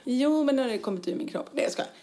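Chatty woman telling lively anecdotes. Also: sits high. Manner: chatty storyteller, acts out quotes, laughs often. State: tired after partying. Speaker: podcast co-host. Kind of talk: casual chat.

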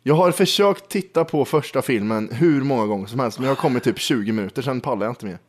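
A young man chatting casually about a film, joking and swearing, often laughing. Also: medium pitch. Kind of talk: casual chat.

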